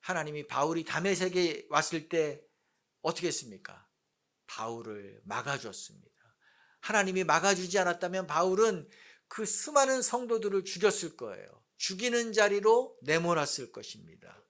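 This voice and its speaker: A man's voice: high voice, sing-song, normal speed, fairly bright tone. A male pastor with a Busan accent preaching a sermon, reading scripture aloud, acting out the voices of mockers, and putting questions to the congregation before answering them. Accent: Busan Gyeongsang. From South Korea. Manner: reads scripture aloud and acts out mocking voices of accusers.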